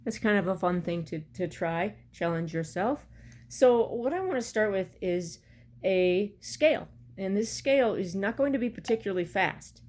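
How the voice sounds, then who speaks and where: A middle-aged woman teaches a bagpipe practice chanter lesson to camera from a small room at home, explaining each step and counting out beats. Her voice is medium-pitched, animated and a little mellow at a moderate pace. The home recording has clear background noise, with room sound and occasional metronome clicks.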